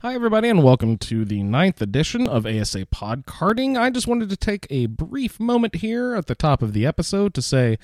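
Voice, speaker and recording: A man's voice: high voice, very animated, fairly quick, hardly any pauses, a little mellow, no echo, clean studio sound. A man hosting a gaming podcast in a casual, informal, self-deprecating way. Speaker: podcast host.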